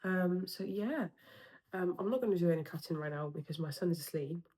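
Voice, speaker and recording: A woman's voice: lowish voice, fairly even intonation, fairly quick, dark tone, rough recording. A young woman chatting casually through her own home renovation, explaining each step with lots of ums. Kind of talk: casual DIY home vlog. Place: room in her house under renovation, indoors.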